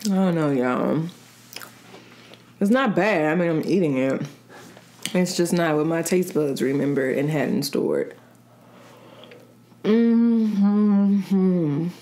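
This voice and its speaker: A woman's voice: on the low side, slow pace, long pauses, warm tone. A young woman from Kansas City vlogging to camera in casual, rambling, slangy chat. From Kansas City, Missouri side. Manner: chatty and rambling, slangy, restarts often. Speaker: mukbang vlogger.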